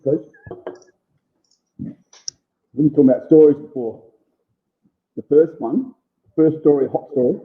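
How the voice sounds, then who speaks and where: A man's voice: fairly high pitch, steady tone, measured pace, long pauses. A man with an Australian accent, speaking plainly and informally as a guest in a casual chat. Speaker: interview guest, small food business owner. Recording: thin phone-like sound.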